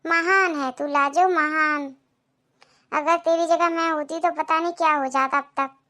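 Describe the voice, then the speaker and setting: A woman voicing a kind elder daughter-in-law in a cartoon, soft-spoken, sympathetic and a little troubled. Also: high-pitched, steady tone, unhurried. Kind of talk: Hindi cartoon voice acting.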